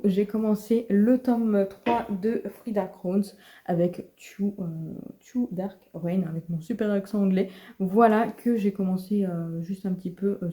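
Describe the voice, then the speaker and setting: Chatty woman with a very dark, mellow voice. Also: mid-range voice. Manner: chatty, many fillers and restarts. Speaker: book vlogger. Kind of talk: casual vlog chat.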